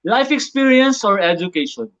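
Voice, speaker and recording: Male host, high-pitched, playful talk, muffled online sound. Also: expressive, normal speed, fairly bright tone. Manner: chatty, mixes English and Filipino, jokes. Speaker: interview host. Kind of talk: casual online interview. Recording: dull lo-fi online audio.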